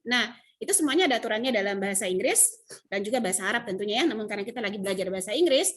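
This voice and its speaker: A woman from Indonesia teaching English in an online class, explaining in Indonesian and modelling English phrases with lively intonation. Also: mid-range voice, very fast. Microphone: video call.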